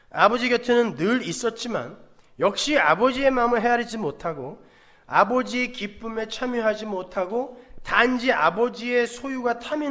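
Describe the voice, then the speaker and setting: Brief: male pastor, high and animated sermon delivery, dramatic, fond of rhetorical questions.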